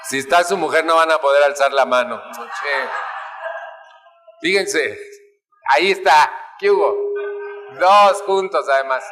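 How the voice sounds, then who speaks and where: A man's voice: on the high side, a little slow, long pauses, a bit bright. A man with a Mexican accent giving a humorous talk to a live audience, playfully acting out family arguments with shifting voices. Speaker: speaker at a family recovery talk.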